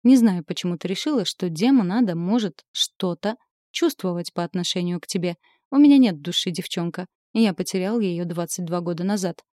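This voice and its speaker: A woman's voice: on the low side, normal speed, few pauses, dark tone, no echo, clean studio sound, natural voice. Woman playing a growling male demon knight. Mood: menacing. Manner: growling, menacing.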